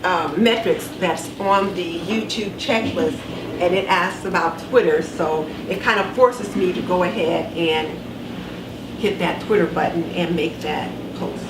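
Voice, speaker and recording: Older woman wearing retainers, creaky, roomy sound. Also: lowish voice, unhurried. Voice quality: speaking with retainers in, slightly impeded articulation. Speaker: vlogger. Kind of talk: casual chat to camera. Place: home kitchen, indoors. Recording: roomy, distant camera mic with clear background noise.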